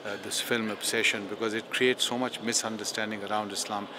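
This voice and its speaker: Halting male interviewer on a noisy street. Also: on the low side, level tone. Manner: halting, probing questions with many fillers. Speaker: documentary interviewer. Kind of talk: on-the-street questioning.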